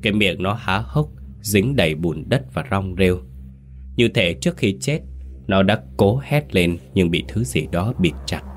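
A man's voice: deep voice, lively intonation, measured pace, a little hiss or hum. A man narrating a ghost story in a dramatic, suspenseful reading.

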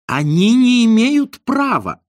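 A man playing a fussy, excitable male wit, high and breathless, gushing ahs and compliments, swooping all over, dry close sound. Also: slow, vocal fry, breathy edge, dry recording, full character voice. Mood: alarmed, pleading.

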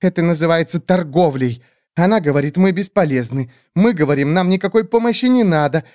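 A man reading an audiobook, voicing a tiny skeletal female dragon-bird, sly and bossy, in a high hissing voice. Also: animated, brisk, a little mellow, lightly acted. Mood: scheming.

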